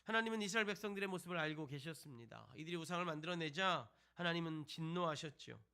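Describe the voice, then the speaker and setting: A male pastor preaching with a bright, forceful voice pitched a little high. He keeps turning to the listeners with rhetorical questions, then retells the scripture story with acted quotes. The delivery is direct and engaged. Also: quick pace. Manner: asks the congregation rhetorical questions. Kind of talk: sermon to a youth service.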